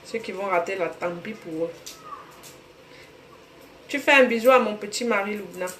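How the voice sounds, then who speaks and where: A woman's voice: mid-range voice, normal speed, fairly bright tone. A woman with a Cameroonian French accent hosting a live cooking stream, chatting casually and greeting viewers by name from her home kitchen. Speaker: cooking livestream host. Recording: roomy echo, faint room noise.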